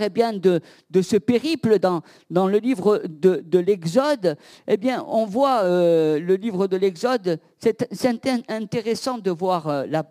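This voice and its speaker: A man preaching a sermon, halting with many fillers and repeated words, and asking the listeners direct questions. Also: high voice, a little mellow. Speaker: pastor.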